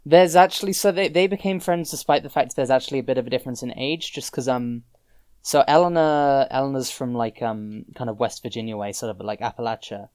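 A man's voice: mid-range voice, fairly even intonation, fairly quick, a little mellow, smooth, no echo. Hesitant man playing a tabletop character. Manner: hesitant, many fillers and restarts while improvising. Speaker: player.

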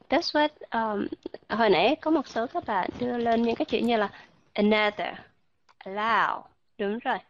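A woman teaching a pronunciation lesson online, patiently repeating example words slowly to model the sounds. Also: on the high side, muffled recording.

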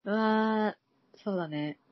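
A young woman co-hosting a casual chat, easygoing and quick to agree. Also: mid-range voice, no echo. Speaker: podcast co-host. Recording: dull lo-fi recording.

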